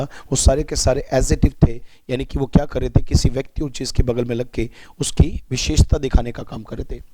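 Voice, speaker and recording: A man with an Indian accent teaches English vocabulary in a mellow, mid-pitched voice. He breaks each word into parts and has his students repeat after him. The sound is close and dry, with no room echo. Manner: explains words step by step, asks students to repeat. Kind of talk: vocabulary lesson.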